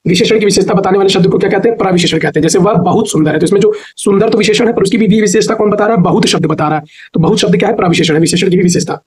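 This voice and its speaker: A male teacher with a North Indian Hindi accent giving an exam-prep grammar lesson, asking questions and answering them himself, slowly spelling words out syllable by syllable. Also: high-pitched, slightly rough, poor audio. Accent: Hindi-speaking North India.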